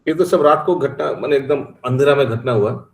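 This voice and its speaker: A man's voice: medium pitch, moderate pace. Man teaching a class in an echoey room. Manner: explains in chatty mixed speech, calls on students by name. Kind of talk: online scripture class with questions. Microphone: video call.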